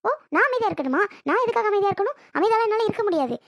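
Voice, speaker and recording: A voice actor playing a sharp-tongued young bride in a homemade cartoon, speaking Tirunelveli Tamil. She taunts and orders people around. Her voice is very high and rattles along fast. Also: expressive, dry recording, clean studio sound, full character voice. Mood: scornful. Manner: taunting, bossy. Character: bossy new bride, sharp-tongued and rude. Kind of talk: cartoon voice acting.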